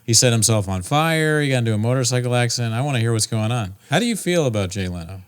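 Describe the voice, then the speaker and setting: A man's voice: mid-range voice, animated, quick pace, clean tone. A young man hosts a casual podcast with a mid-range voice. He rambles, jokes and trails off a lot. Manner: laughing, rambling, jokey. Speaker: podcast host.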